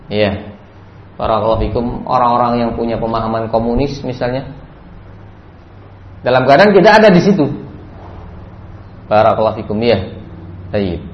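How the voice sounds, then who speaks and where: A man's voice: mid-range voice, moderate pace, pauses often. A male preacher giving a religious study lecture, who keeps repeating a stock blessing and chants Arabic phrases in a raised voice. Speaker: Islamic preacher. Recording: dull, roomy lecture recording with faint noise.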